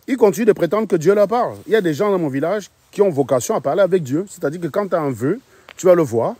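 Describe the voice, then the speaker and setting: Husky-voiced man telling a story. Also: high-pitched, dry recording. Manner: animated, laughing, repeats himself. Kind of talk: casual storytelling chat.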